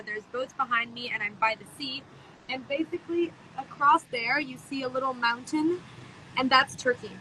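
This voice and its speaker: A woman's voice: fairly high pitch, pushed and bright, low-quality recording. A woman interviewer from a sports charity, talking outdoors by the sea in an upbeat, explanatory way. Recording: faint outdoor noise by the sea.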